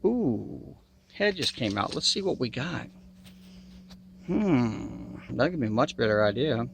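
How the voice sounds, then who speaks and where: In an unhurried, folksy Southern drawl with a nasal twang, an outdoor video maker chats casually to the camera out in the river bottoms. His medium-pitched voice swings widely in pitch, and a little hiss or hum sits under the recording.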